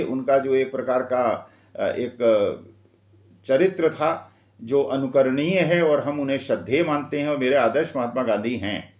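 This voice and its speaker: A man from Uttar Pradesh with an eastern Uttar Pradesh Hindi accent, giving an earnest, measured opinion monologue. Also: medium pitch, darkish tone, reverberant. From Uttar Pradesh, India. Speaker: commentator.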